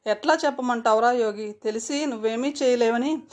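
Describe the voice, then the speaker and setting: A woman's voice: a little high, normal speed, darkish tone, natural voice. A woman voicing a distressed young woman guarding a secret from her brother in an audiobook reading. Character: grieving young woman, protective older sister.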